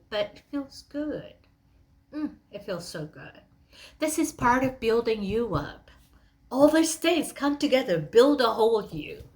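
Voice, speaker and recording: A Kenyan woman with a slightly high voice gives a motivational talk, addressing listeners directly. She's emphatic and conversational, using rhetorical questions.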